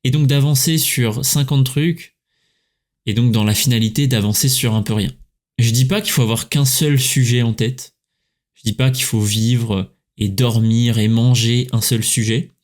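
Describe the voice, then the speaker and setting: Young French man, relaxed solo podcaster, chatty, stops and restarts, mid-range voice. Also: medium pitch, unhurried. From France. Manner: relaxed, chatty, many fillers and self-corrections. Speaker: podcast host, writer and coach. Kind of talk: casual solo podcast talk.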